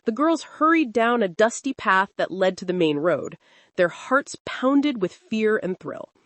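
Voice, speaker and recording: A woman storyteller narrates a scripted, dramatic folktale with expressive, suspenseful delivery. Her voice is mid-range and unhurried, and the recording carries no room sound.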